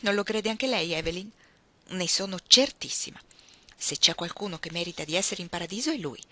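A woman's voice: fairly low pitch, lively intonation, fairly quick, pushed and bright. Woman voicing a chatty old Southern lady. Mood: wistful. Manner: chatty, fond storytelling. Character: elderly chatty Southern woman, gentle and wistful.

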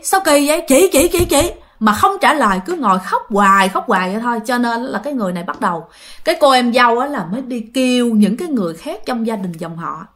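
A woman's voice: fairly high pitch, a bit bright. A woman with a Southern Vietnamese accent telling a ghost story in casual chat, often addressing her listeners and acting out the quoted lines.

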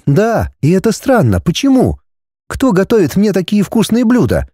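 A man voicing a sharp-tongued young woman from the modern world, speaking high and exclaiming. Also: wildly swooping pitch, normal speed, no echo, clean studio sound, full character voice. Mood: indignant.

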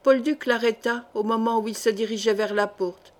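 A woman reading a historical novel aloud as an audiobook, in a measured literary manner. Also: a little high, steady tone. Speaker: audiobook reader. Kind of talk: scripted narration of a historical novel.

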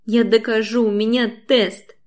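A woman's voice: flat delivery, a little slow, darkish tone, natural voice. A woman reading an audiobook, voicing a haughty, hysterical middle-aged mother-in-law who shrieks and hisses her words. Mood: shrieking. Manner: shrill, shrieking, hissing.

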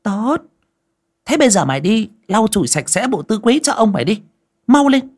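A narrator voicing a cruel mistress of the house who scolds in a sour, shrill voice. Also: big pitch swings, moderate pace. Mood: scolding.

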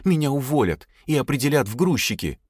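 A man's voice: mid-range voice, very animated, brisk, a little mellow, husky, no echo, studio quality, pitched above the performer's own voice. A man voicing a scared young male hotel worker who pleads and whimpers. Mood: whining.

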